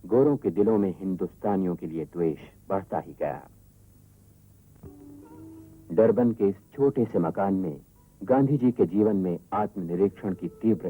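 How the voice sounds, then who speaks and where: A man giving a measured, formal documentary narration, heard from an old worn tape recording. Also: sits low, dark tone, low-quality recording.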